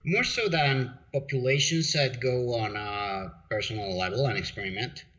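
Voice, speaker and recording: A man's voice: medium pitch, moderate pace, sharp tone. A man from Mexico, a guest in a casual interview, rambling with lots of fillers and restarts. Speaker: podcast guest. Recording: dull lo-fi audio.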